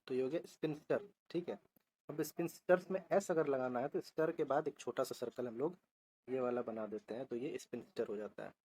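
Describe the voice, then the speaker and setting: Man, shorthand teacher, steady explaining voice, spells out letters, asks and answers himself. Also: medium pitch. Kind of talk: explaining a lesson on a board.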